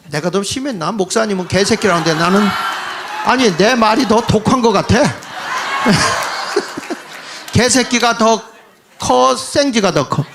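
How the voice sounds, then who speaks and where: A man in his sixties giving a history lecture to an audience, animated and mocking, with quips and laughing asides. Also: high-pitched, slight background noise.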